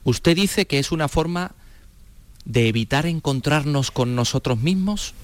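A man's voice: fairly high pitch, lively intonation, unhurried, no room sound. A man interviewing in a conversational, reflective way, putting thoughtful questions. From Andalusia, Spain.

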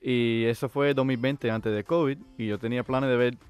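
A man in his twenties from the United States, a guest chatting casually, relaxed, with small slips in his Spanish. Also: mid-range voice, normal speed, smooth, soft background music. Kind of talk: casual chat.

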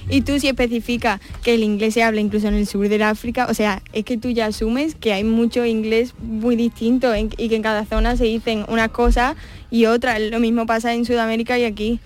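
Higher-voiced woman telling anecdotes. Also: level tone, brisk. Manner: eager, agreeing, tells anecdotes. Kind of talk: casual radio chat.

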